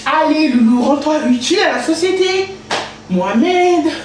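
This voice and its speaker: A woman's voice: high voice, lively intonation, a little slow, far from the mic. A woman chatting casually on a live stream from her home kitchen, playful and chatty, often singing to herself. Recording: echoey room with background noise.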